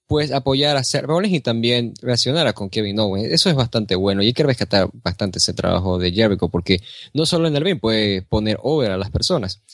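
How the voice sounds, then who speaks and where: A man's voice: on the low side, lively intonation, fairly quick, no room sound, studio quality. A man co-hosting a casual podcast, chatty and joking, often speaking to the listeners. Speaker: podcast co-host. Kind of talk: casual wrestling podcast chat.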